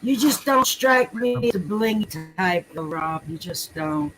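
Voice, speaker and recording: A man's voice: sits high, expressive, a little slow, music in the background, rough recording. A man from the East Coast of the US with an East Coast accent, chatting on a live stream in a playful, teasing way. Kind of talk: casual chat on a live stream.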